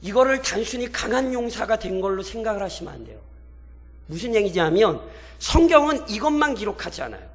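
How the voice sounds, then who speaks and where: High, bright-voiced pastor preaching in a reverberant hall. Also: male voice, big pitch swings, brisk. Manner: expository preaching with rhetorical questions to the congregation; acts out biblical characters in mocking colloquial quotes. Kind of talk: sermon at a midweek prayer service. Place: church sanctuary.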